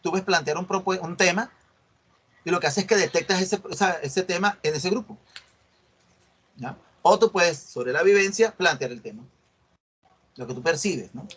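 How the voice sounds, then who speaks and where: This is a middle-aged man teaching a university class over a video call. His voice sits a little on the high side. He explains by acting out little dialogues with his students and keeps checking that they are following. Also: normal speed, pauses often, a bit bright, husky. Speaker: university lecturer. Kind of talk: online class lecture.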